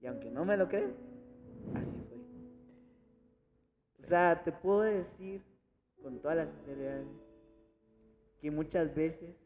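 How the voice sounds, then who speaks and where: A man, a church pianist, tells a personal faith story in an earnest, reflective, halting way during a casual conversation. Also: a little high, a little mellow. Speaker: church pianist sharing a testimony. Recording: reverberant, dull recording with music behind.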